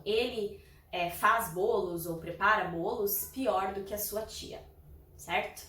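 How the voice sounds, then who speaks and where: A woman's voice: mid-range voice, fairly bright tone, recorded from a distance. A woman, an English teacher, gives an online lesson. She explains step by step and keeps checking in with short "tá?" and "ok?" tags. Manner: explains slowly, often checks in with "tá?" and "ok?". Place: indoor room, traffic heard outside. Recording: roomy sound from off the mic, faint background noise.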